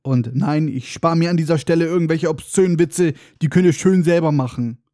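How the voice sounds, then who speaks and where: A man's voice: a little high, brisk, dark tone, dry recording, clean studio sound. A man hosting a casual book podcast, recapping chapters with sarcastic, irreverent asides. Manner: sarcastic, irreverent, mock-dramatic. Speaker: podcast host.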